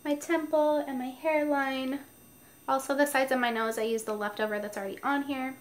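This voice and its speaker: Her voice sits high, with a steady tone and moderate pace, as this stuffy-nosed beauty vlogger walks through her makeup step by step from home. The talk is casual and chatty, with each step explained, captured on a noisy mic.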